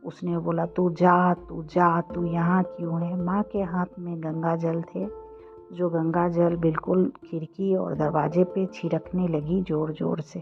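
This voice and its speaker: A woman narrating a first-person horror story, slow, flat and hushed. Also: fairly low pitch, vocal fry. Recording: dull lo-fi audio with faint music.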